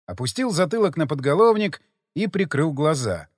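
Brief: male narrator, animated intonation, slightly high voice, dry close mic. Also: moderate pace, no echo. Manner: expressive storytelling reading. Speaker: audiobook narrator. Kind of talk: scripted narration.

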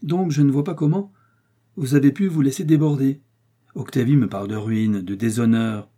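A man voicing a shrewd, blunt older village mayor from Normandy, lecturing his son-in-law in a dark, husky voice. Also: mid-range voice, normal speed, natural voice. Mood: stern.

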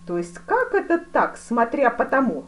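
A woman puts on a hot-tempered grand duke for an audiobook, barking orders in loud, excited bursts. The voice rises and falls a great deal, with a faint hiss of noise behind it. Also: high-pitched, brisk, pitched above the performer's own voice. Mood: demanding. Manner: loud, commanding, excitable shouts. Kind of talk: audiobook character reading.

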